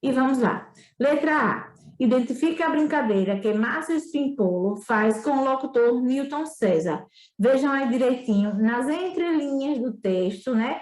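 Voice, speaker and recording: High-voiced woman teacher in echoey room. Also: lively intonation, unhurried, a little mellow. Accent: Brazilian Portuguese, northeastern. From Brazil. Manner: explanatory, frequent tag questions. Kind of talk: remote school lesson.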